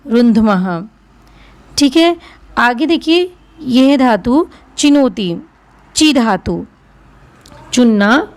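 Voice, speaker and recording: Slow, patient woman teaching Sanskrit. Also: on the high side, a little mellow. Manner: slow, drills word forms aloud one by one, asks "friends" questions. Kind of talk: grammar lesson, reciting verb forms.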